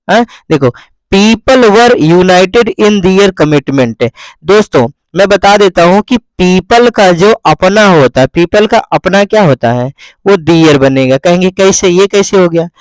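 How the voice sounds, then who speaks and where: Male English tutor, high voice, dry close mic, reads each English line slowly and repeats everything. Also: no room sound, low-quality recording. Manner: repetitive, asks and answers his own questions. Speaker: English teacher. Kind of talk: newspaper-reading English lesson.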